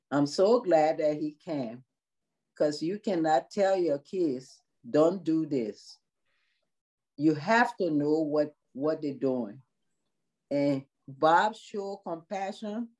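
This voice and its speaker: A middle-aged Liberian woman who works as a nursing assistant in long-term care speaks slowly and earnestly over a video call. Her deep voice is dark, mellow and expressive. She takes her time with each thought, like someone telling her story from a small room.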